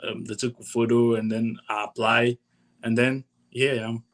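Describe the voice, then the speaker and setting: Young adult male, Togolese accent, medium pitch, informal interview guest with halting, repetitive delivery. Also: flat delivery, fairly bright tone. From Togo, West Africa. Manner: halting, repeats phrases, acts out dialogue. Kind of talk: casual personal storytelling.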